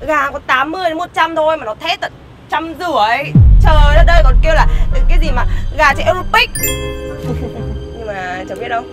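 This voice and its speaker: An actress playing a scheming, talkative wife out shopping, with a bossy, gossipy way of talking. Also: female voice, sits high, lively intonation, fairly quick, over music. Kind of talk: sitcom acting.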